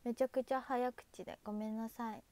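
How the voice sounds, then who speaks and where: This young idol livestreamer has a fairly high, dark-toned voice, a steady tone, and a fairly quick pace. Chatty and relaxed, she calls out viewer names with thanks before waving and saying goodnight.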